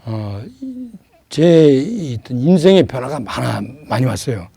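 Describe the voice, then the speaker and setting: Emphatic older male guest, mellow voice. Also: mid-range voice, lively intonation, creaky, breathy edge, no echo. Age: around 60. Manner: emphatic, asks rhetorical questions, drawn-out pauses. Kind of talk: political talk show conversation.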